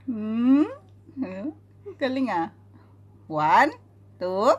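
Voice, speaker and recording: A young woman teases her baby in playful baby talk, humming and cooing between lines. Her voice sits high and swoops widely, and she takes her time with every word. It's a casual phone recording made at home. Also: animated, very slow, husky, dull audio. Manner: teasing, coos and hums, laughs often. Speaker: mother talking to her baby. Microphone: phone camera.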